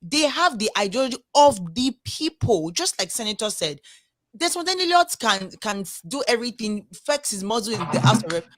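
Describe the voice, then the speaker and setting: A woman's voice: a little high, moderate pace. A young Nigerian woman with a Nigerian accent, hosting a casual roundtable discussion and making her points earnestly and with emphasis. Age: young adult. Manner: earnest, animated, emphatic, repeats words. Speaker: discussion host.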